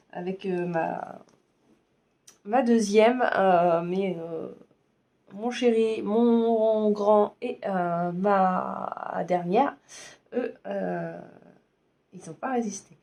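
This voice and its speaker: A hoarse woman from France chats casually to her viewers in a slightly low voice, her throat sore. She hesitates often and fills her pauses with ums. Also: warm tone. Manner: hesitant, many fillers. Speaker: vlogger. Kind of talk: casual chat.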